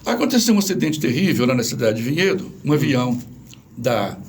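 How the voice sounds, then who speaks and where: A man's voice: mid-range voice, fairly quick, a little hiss or hum. A man with a Brazilian accent, a language professor explaining things patiently in an interview. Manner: didactic, animated, spells out examples.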